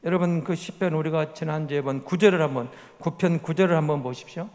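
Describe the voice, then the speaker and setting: A male pastor preaching a sermon in a church sanctuary, earnest, swinging from hushed explanation to loud pleading. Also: a little high, quick pace. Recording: long reverb of a church hall.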